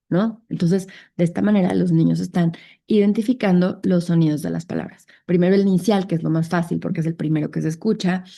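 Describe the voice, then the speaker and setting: A woman with a Mexican Spanish accent giving a conference lecture, explaining step by step and often pausing on fillers and checking with a tag question. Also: fairly low pitch, vocal fry, warm tone. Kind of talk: conference talk.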